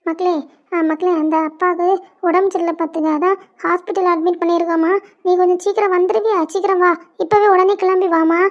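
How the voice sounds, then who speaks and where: A woman voicing a high-voiced cartoon mother with a Kanyakumari Tamil accent. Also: flat delivery, fast. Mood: soothing. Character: worried mother, gentle and soothing. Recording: lo-fi dull audio.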